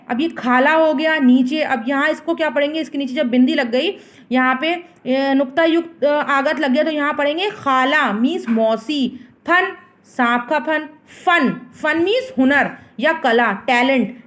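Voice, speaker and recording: A woman's voice: high-pitched, moderate pace, a bit bright. A woman teacher explaining grammar to children, asking questions and answering them herself while she mixes in English words. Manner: asks the class questions and answers them herself, repeats each word.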